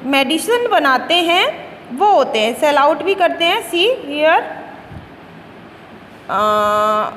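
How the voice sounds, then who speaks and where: A woman English teacher with an Indian accent, switching between Hindi and English, repeating words slowly for pupils to drill their pronunciation. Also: high-pitched, lively intonation, a bit bright, in a large hall, slight background noise. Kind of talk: classroom lesson explaining words and pronunciation.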